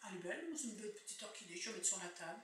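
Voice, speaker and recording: A woman's voice: medium pitch, very fast. A woman in her fifties with a Picard French accent, chatting casually through a shopping haul and rambling, often restarting her sentences. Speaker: vlogger. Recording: echoey room, distant mic, faint noise.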